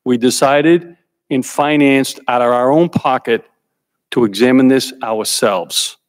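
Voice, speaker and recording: Male witness, mid-pitched, firm and deliberate, prepared testimony. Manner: emphatic, deliberate, repeats key points. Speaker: hearing witness. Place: congressional hearing room.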